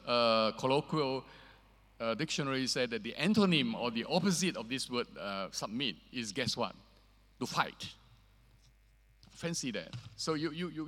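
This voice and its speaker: A man preaching a sermon as pastor, earnest and measured, pausing on fillers, his voice ringing with a long cathedral-like echo. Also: mid-range voice, a bit bright. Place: church sanctuary. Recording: echoey church hall reverb.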